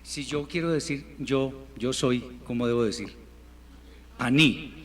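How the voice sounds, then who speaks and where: A man teaching a Hebrew class in Spanish, patiently repeating words slowly for his students. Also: mid-range voice. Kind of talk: classroom language lesson. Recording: reverberant hall, faint room noise.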